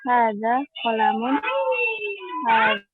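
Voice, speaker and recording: A woman with an Indonesian accent, a student reading aloud haltingly in an online class. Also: fairly high pitch, level tone. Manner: reads haltingly, syllable by syllable. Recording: tinny phone-like call with faint music.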